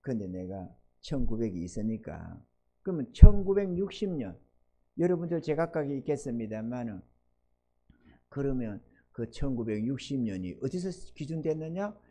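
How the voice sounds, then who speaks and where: At a moderate pace and medium pitch, a very animated pastor in his sixties gives his Sunday sermon. He veers from loud, emphatic exhortation to soft asides and asks the congregation for amens.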